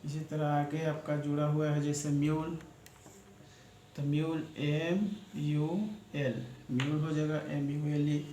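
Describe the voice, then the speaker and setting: Slow, flat-voiced shorthand teacher. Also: male voice, fairly high pitch. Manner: slow, repetitive, talks through each step. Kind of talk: classroom-style lesson explanation. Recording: echoey room with faint ambient noise.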